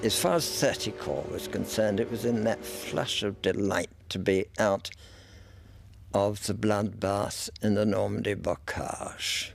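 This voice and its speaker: An older man, a war veteran, recalling his wartime memories in a measured, reflective way. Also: fairly low pitch, gravelly.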